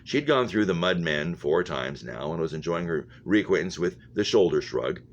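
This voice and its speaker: Reading from a novel, this English teacher has a low-pitched, very animated delivery at a moderate pace, occasionally tripping on words and rereading phrases. The lo-fi recording sounds muffled and carries a humming noise.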